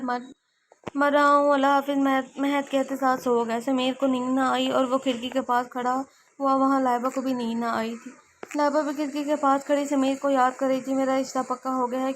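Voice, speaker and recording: A woman reading a romance novel aloud as an audio story, giving all the characters her own voice, with frequent slips and self-corrections. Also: sits high.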